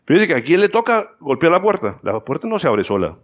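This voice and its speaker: A Colombian man preaching a Sunday sermon, retelling the story with playful acted-out voices. His voice sits in a middle pitch but swings up and down widely. He keeps checking in with the congregation as he goes. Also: a little fast, dull audio. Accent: Colombian Spanish. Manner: animated storyteller, acts out voices in high pitch, repeats "¿sí o no?". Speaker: pastor.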